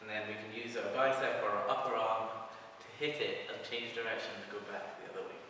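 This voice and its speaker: Bright-voiced man teaching in an echoey hall. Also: lowish voice, fairly even intonation, fast talker, slight background noise. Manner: loose, talks through moves while demonstrating. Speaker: prop spinning teacher. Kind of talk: casual video tutorial. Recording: echoey hall, mic far off.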